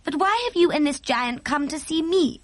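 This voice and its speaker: Woman playing an imperious, high-voiced storybook Queen. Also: lively intonation, moderate pace, no room sound. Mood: composed, curious. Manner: regal, clipped, commanding. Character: the Queen, poised older royal woman, sharp and imperious.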